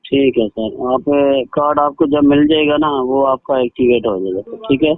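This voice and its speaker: A man, heard over a phone line, posing as a bank officer and pressing the other person for card details in a smooth, insistent way. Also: medium pitch, moderate pace. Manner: smooth, insistent, repeats "ji ji" to keep the caller going. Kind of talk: phone call. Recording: tinny phone call recording.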